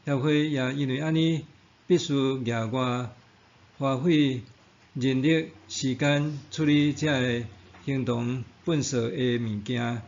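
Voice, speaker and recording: A man with a Taiwanese Hokkien accent reading a scripted devotional in a measured, formal way. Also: medium pitch, steady tone, gravelly, darkish tone, highs cut off. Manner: measured, formal read-aloud delivery. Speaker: devotional reader and narrator.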